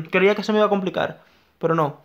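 A young man giving excitable live gameplay commentary, talking to himself and his viewers and repeating his phrases. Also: high-pitched, a little fast, vocal fry, lo-fi sound. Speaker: gaming YouTuber.

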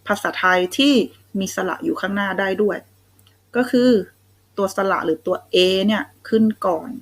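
A woman's voice: mid-range voice, normal speed, low-quality recording. A young Thai woman teaching children English phonics, sounding out letters one at a time and praising them. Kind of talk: slow, patient phonics lesson for kids.

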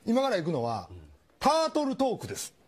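A man's voice: very high voice, fairly quick, crowd noise. A man with a Kansai accent telling a comic story on a talk show and acting out each character. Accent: Kansai Japanese. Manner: animated, acts out every character. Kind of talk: comedic anecdote on a talk show. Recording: studio audience laughter behind.

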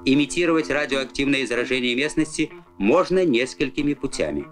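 A man's voice: medium pitch, animated, fairly quick, faint music behind. A man reading formal, instructional scripted narration in the manner of a 1980s Soviet military training film. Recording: old film soundtrack.

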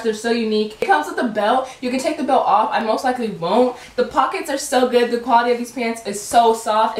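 Giggly young woman in an echoey bedroom. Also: on the high side. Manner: chatty, giggly, stumbling over words. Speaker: vlogger. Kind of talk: casual try-on haul chat.

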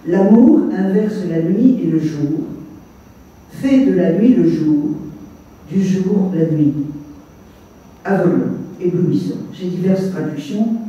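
A man, the author, reads his literary text aloud at a public evening, in a measured way with brief asides, recorded from a distance in an echoey hall. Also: sits high, warm tone, dull audio. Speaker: author reading his book. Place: reception hall with audience. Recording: echoey room, mic at a distance.

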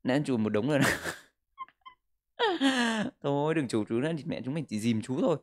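Speaking at a moderate pace with big swings in pitch, this medium-pitched man in his 20s reads out viewer comments on a desk mic. He's livestreaming casually from home and making crude jokes along the way.

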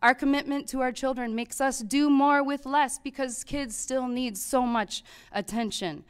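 A woman in her thirties, a teacher, reads a prepared public comment at a podium microphone in a large meeting hall. Her high-sitting voice is clear and resonant, measured in pace and fairly even in intonation. Earnest and pleading, she rises at points to loud emphasis.

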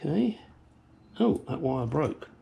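Middle aged english bloke with a british accent, slow talker, sweary and jokey, showing stuff in his garage, noticeable room noise. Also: on the high side, very animated, mellow. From England. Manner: blunt, joking, sweary. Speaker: host of a garage how-to channel. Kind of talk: casual hands-on demonstration. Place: small cluttered garage workshop, indoors. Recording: clear ambient workshop noise.

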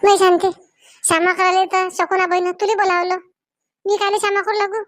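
A woman's voice: very high voice, little pitch movement, brisk, a bit bright, no echo. A woman voicing a sheepish, evasive father-in-law in a comedy sketch, with a Varhadi Marathi accent. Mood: defensive.

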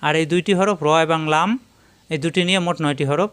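A man teaching the rules of Quran recitation, slowly drilling each sound syllable by syllable. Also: on the high side, a bit bright, clear, resonant tone. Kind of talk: step-by-step tajweed lesson.

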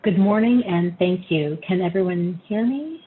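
A woman presenting an agenda item over a teleconference line in a steady, businesslike way. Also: lowish voice, moderate pace. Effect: heard over a teleconference line. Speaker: staff presenter. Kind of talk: formal scripted presentation. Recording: tinny phone-line sound, faint noise.

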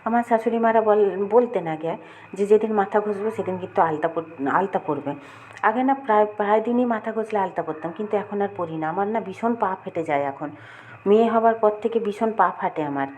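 A middle-aged woman talks straight to her viewers in a casual, confiding home vlog. Her voice sits at an ordinary pitch. It is a phone recording in a home kitchen, with household noise clearly heard behind her. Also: warm tone, poor audio. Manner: chatty, confiding, addresses viewers directly. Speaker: home vlogger. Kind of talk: casual daily-life vlog talking to viewers.

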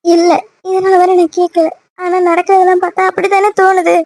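A woman voicing a hurt, angry young woman in a cartoon love story, snapping sharp, dismissive retorts. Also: high-pitched, fairly even intonation, rapid-fire, lightly acted. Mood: tearful. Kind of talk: cartoon voice acting.

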